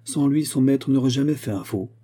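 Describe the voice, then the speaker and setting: A severe elderly banker hands down his judgment in a commanding tone, read by a man. The voice is very dark and slightly husky. He sounds unforgiving. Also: mid-range voice, fairly quick, pitched above the performer's own voice, lightly acted.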